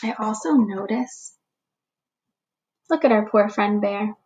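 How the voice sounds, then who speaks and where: A woman teacher reading a picture book aloud to young children, slow and expressive, giving the animals little voices. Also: medium pitch, a little hiss or hum. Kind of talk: read-aloud storytime for children.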